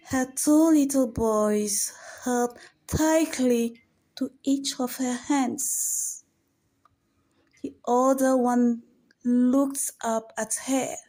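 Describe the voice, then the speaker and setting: A woman narrating a story in a soft, solemn, half-whispered voice. Her tone is husky and mellow, and she takes her time, moving through each line very slowly. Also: fairly high pitch. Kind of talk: scripted narration of an emotional story.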